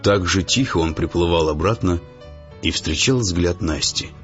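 A man reading an audiobook in a steady, measured narration. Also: deep voice. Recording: dull lo-fi audiobook, faint music.

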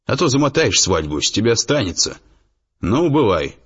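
A man's voice: medium pitch, big pitch swings, moderate pace, breathy edge, pitched above the performer's own voice. A man voicing an ironic middle-aged man who teases an old friend in a mocking, jovial way. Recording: dull lo-fi audiobook, faint music.

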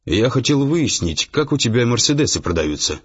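A man's voice: mid-range voice, very animated, moderate pace, husky, voice pushed up. A man voicing an irritated male businessman who presses for answers. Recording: dull lo-fi audiobook, faint music.

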